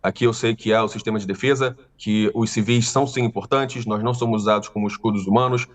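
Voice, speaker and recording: A man with a carioca accent from Rio, a tour guide speaking in a remote news interview with many hesitant pauses. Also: fairly low pitch, steady tone, far from the mic. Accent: Carioca Brazilian Portuguese. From Rio de Janeiro, Brazil.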